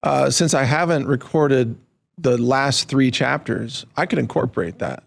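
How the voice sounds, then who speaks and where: A man from the American Midwest talks as a podcast guest. He explains at length, and his questions have an amused, incredulous edge. His mid-range voice carries a gravelly fry. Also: mid-range voice, unhurried. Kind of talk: casual conversation.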